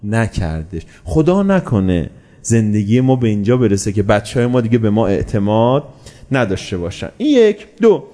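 A man preaching a sermon, telling a story with animated delivery and posing rhetorical questions that he answers himself. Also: fairly low pitch.

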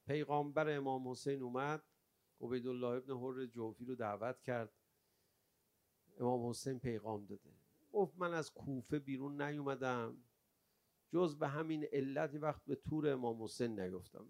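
A male preacher telling a religious story in a sermon, rising from quiet storytelling into loud, lamenting cries. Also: medium pitch, creaky. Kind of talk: Shia mourning sermon.

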